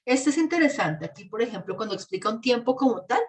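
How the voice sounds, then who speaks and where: A woman's voice: a little high, expressive, quick pace, breathy edge. A woman teaching an online class through a computer mic. She talks patiently, spelling out letters and repeating examples for her students. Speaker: English teacher.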